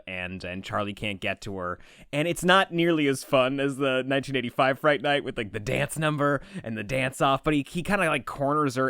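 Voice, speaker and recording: A man co-hosting a podcast, chatting casually with quick asides and frequent restarts. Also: medium pitch, fairly bright tone, clean tone, no room sound, clean studio sound. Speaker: podcast co-host. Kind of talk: casual chat.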